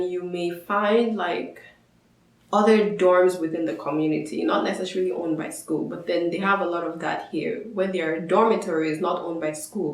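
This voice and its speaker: A young woman from Nigeria, a student vlogger, giving casual, upbeat advice to her viewers. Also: on the low side. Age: young adult. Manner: chatty, explanatory, upbeat. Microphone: camera mic. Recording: echoey room.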